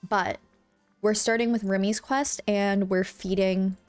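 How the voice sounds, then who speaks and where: Over soft background music, a young woman chats unhurriedly with her live-stream viewers from home. Her voice is medium-pitched, fairly even and a little mellow, slightly congested, and her bubbly chatter is filled with "like" and "um".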